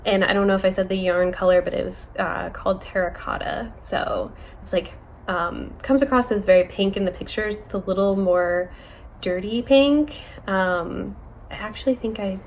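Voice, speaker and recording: A young woman chatting casually on her knitting vlog, rambling with many fillers and quick self-corrections. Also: mid-range voice, a little hiss or hum. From United States. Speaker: knitting vlogger. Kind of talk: casual show-and-tell chat.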